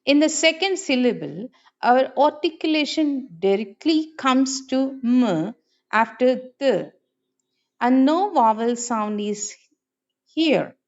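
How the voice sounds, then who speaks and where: A woman teaching a phonetics lesson, talking slowly and deliberately and repeating each example word. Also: high-pitched, lively intonation, dull audio. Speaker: English teacher.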